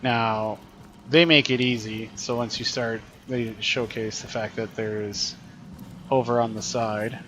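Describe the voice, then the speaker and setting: A man's voice: mid-range voice, fairly even intonation, slow pace, a bit bright, slight background noise. A man teaching while he plays a video game, explaining what happens in a chatty way and thinking aloud. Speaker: teacher streaming gameplay. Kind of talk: casual gameplay commentary.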